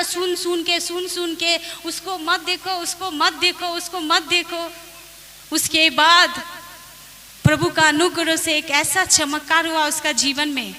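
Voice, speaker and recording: A woman pastor giving a testimony sermon, speaking slowly, repeating her phrases and often saying hallelujah. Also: high-pitched, sharp tone, a little hiss or hum.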